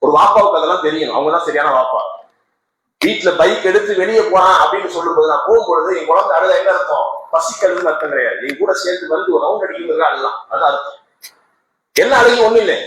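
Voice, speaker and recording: A man giving a Friday sermon in a mosque, impassioned, dropping to soft low tones and rising to shouted peaks. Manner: acts out a crying child's words inside the story. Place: mosque prayer hall. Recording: very echoey mosque hall, faint noise.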